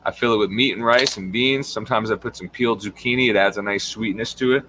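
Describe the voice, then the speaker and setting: A man's voice: fairly low pitch, fast talker, background noise. Indignant man ranting. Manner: emphatic, rhetorical questions, indignant. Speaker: health coach. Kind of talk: impassioned monologue.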